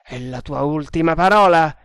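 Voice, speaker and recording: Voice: mid-range voice, moderate pace, fairly bright tone, clear, resonant tone, dry recording, clean studio sound, lightly acted. A reader voicing a fierce, desperate Indian man sworn to kill, speaking in a threatening, commanding way in an audiobook of an adventure novel. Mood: furious.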